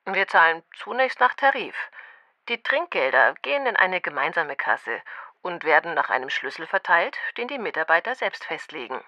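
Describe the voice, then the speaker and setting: A helpful female restaurant manager in a language-course dialogue. Her voice is bright and slightly low, courteous and businesslike. The audio is a little dull and dry. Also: very animated, moderate pace, no echo.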